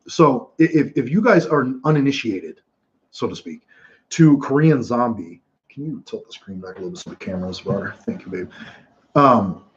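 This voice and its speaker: A man hosting casual live fight commentary from home, telling stories in a rambling, animated way with many restarts. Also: mid-range voice. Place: home room watching fights. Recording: dull lo-fi sound.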